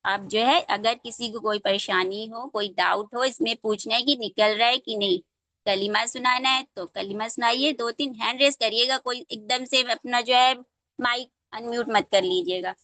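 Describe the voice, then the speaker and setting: A woman teaching young students letter pronunciation over a video call, drawing out each sound slowly and checking that they follow. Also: on the high side, steady tone, bright, forceful tone, dry recording. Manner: slow, drawn-out demonstrations of letter sounds. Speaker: online Quran recitation teacher. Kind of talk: patient online class teaching.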